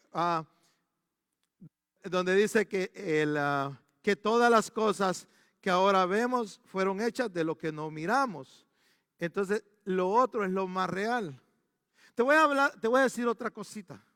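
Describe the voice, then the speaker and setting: A man's voice: sits high, fairly bright tone, no room sound, studio quality, in a large hall. A male pastor preaching a storytelling sermon in a church. He talks animatedly and often restarts his sentences.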